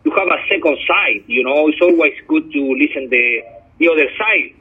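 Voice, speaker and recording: A slightly high, husky male voice comes through a thin, tinny telephone line. He is a guest journalist, pausing often with ums as he makes his points earnestly. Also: animated. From Chile. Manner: hesitant, frequent ums, earnest. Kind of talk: phone interview.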